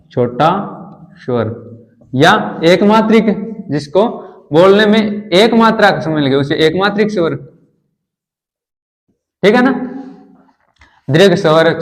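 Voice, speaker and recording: A man teaching a grammar lesson, asking the class questions and answering them himself, slowing down to sound out vowels one by one. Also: a little high. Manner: explains step by step, asks and answers his own questions.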